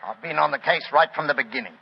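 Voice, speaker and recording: An actor playing a harried, dogged English police inspector in a 1940s radio drama, earnest and emphatic. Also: male voice, on the high side, fast, creaky, breathy edge. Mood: reporting. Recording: dull 1940s radio recording.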